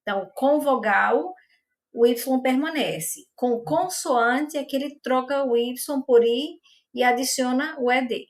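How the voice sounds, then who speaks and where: A woman teaches English grammar in a patient, step-by-step way. Her voice sits a little high, and she slows right down to repeat each example. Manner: patient and methodical, spells out and repeats examples slowly. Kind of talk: explaining grammar to learners.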